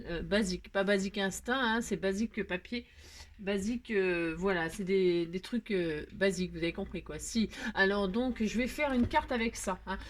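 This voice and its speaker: A woman's voice: mid-range voice, moderate pace, slight background noise. A woman with a French accent hosting a casual crafting tutorial, chatty and self-mocking, with many fillers and little laughs. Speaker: crafting video host.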